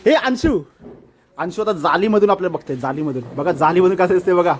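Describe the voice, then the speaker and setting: A man's voice: sits high, fairly quick, heavy background noise. A man vlogging as he walks through a street festival, chatting, exclaiming and greeting passers-by. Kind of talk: casual walking vlog commentary. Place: outdoor city street at a festival. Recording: loud street crowd behind.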